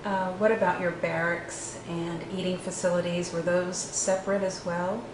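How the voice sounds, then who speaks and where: Lowish-voiced woman interviewer in echoey room. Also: flat delivery, moderate pace. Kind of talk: casual oral history interviewing. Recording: echoey room, faint background noise.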